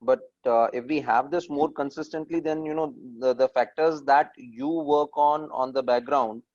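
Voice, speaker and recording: A man's voice: medium pitch, steady tone, normal speed, a little mellow, no echo. A man with an Indian accent talking politely and off the cuff as a participant in a meeting. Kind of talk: polite unscripted discussion. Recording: dull online call audio.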